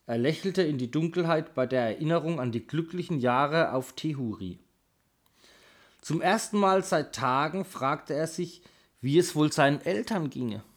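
Man, storybook reader, calm steady narration, slightly high pitch. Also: moderate pace. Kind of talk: reading a children's book aloud.

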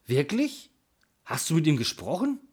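A man's voice: on the high side, huge pitch swings, moderate pace, a little mellow. A man reading aloud as a curious, eager teenage boy, in his own plain voice.

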